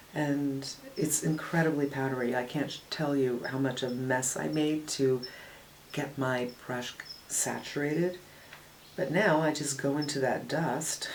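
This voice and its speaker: An older beauty vlogger with a low voice narrates a casual makeup tutorial, swatching and applying eyeshadows while reviewing them frankly and matter-of-factly. The audio is poor, with a slight hiss or hum.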